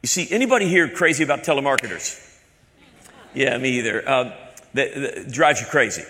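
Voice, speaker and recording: In a hall full of long, echoing reverb, a male pastor from the American South delivers a sermon built on repeated, mounting phrases. His medium-pitched voice is expressive, brisk, and sharp, with slight background noise.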